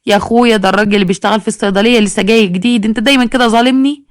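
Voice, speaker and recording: A woman voicing a loud, battered Egyptian wife who wails, bargains and drops folk sayings. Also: on the high side, fairly even intonation, very fast, dry recording, clean studio sound, close to an everyday voice. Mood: complaining, wailing. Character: battered chatty local wife, loud and complaining.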